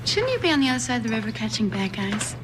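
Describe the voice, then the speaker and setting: An actress playing a teasing young daughter in a film, a sarcastic smart aleck in natural dialogue. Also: female voice, fairly high pitch, big pitch swings, very fast, noisy background. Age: young adult. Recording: loud music over dialogue.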